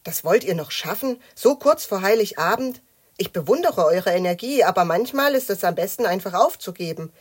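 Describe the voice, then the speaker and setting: Storybook dad: weary, resigned, breathy, read by a woman in her own range. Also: mid-range voice, animated, moderate pace. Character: resigned, gentle father.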